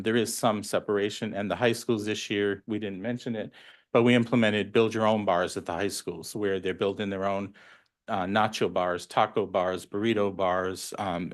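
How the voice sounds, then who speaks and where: Man, school nutrition director, lowish voice, plain and explanatory, answers a board's questions, lots of ums. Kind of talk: explaining at a public board meeting.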